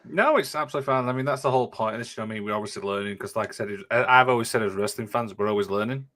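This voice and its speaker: Bright-voiced man hosting a chat. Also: medium pitch, racing. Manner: says "obviously" and "and stuff like that" a lot. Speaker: podcast host. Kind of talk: casual chat.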